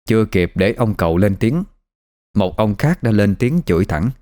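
A man's voice: on the low side, lively intonation, normal speed, mellow. A man with a Southern Vietnamese accent narrating a ghost story in a dramatic, vivid manner. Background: faint music.

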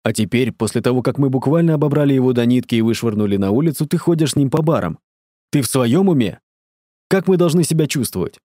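A man's voice: medium pitch, animated, fast, dark tone, no echo, studio quality, close to an everyday voice. Man playing a stern, irritated father. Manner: stern, clipped and sarcastic. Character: irritated middle-aged father, stern and sarcastic.

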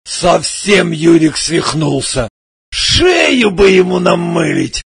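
A rowdy, hearty army major booms out his words slowly in a gravelly voice, as a man reads him in an audiobook. His tone is loud and bossy, with a raspy, husky edge. It sounds dry and close. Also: very animated, dry recording, full character voice. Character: boisterous jovial middle-aged male army major. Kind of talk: audiobook character voice.

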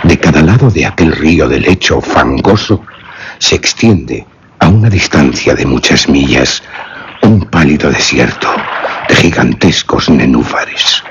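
Deep male narrator, solemn measured reading, muffled radio with background noise. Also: animated. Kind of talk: scripted story narration.

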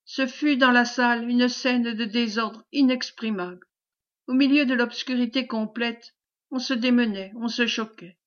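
A woman narrating a classic novel as an audiobook, in a measured, expressive reading. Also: on the high side, dull audio. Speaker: audiobook reader.

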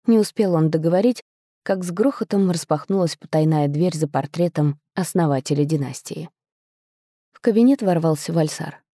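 Brief: woman audiobook narrator, low mellow voice, close dry mic, steady expressive first-person reading. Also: normal speed, no echo.

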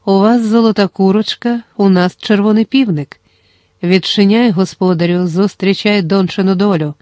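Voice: mid-range voice, steady tone, normal speed, a little mellow, no echo, natural voice. A reader voicing a wicked old male sorcerer who chants rhymed demands in a thin, rattling, sweet voice, in an audiobook. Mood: chanting demand. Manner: chanting rhymed sing-song lines. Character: old evil male sorcerer, sing-song and wheedling. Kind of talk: audiobook character voice.

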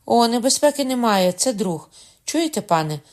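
A man reading an audiobook voices a young queen, hushing and urgent, with a gravelly edge to his voice. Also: fairly high pitch, normal speed. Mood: alarmed. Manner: urgent, hushed then sharp. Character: young woman, a queen, frightened yet commanding.

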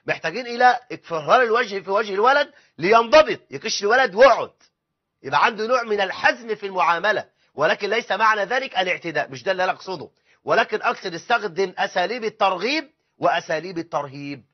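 A man with an Egyptian accent preaching at a brisk clip with a fairly high voice. He slips between everyday street speech and formal phrasing, and he acts out little family dialogues. The recording sounds dull and lo-fi. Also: animated. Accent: Egyptian Arabic. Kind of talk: sermon.

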